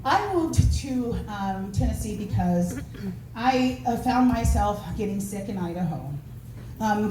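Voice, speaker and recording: A woman's voice: fairly high pitch, dark tone. A woman from Nevada giving an earnest, rambling public comment at a community meeting, with many fillers. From Nevada, USA. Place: meeting hall. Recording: echoey hall, far from mic, noisy.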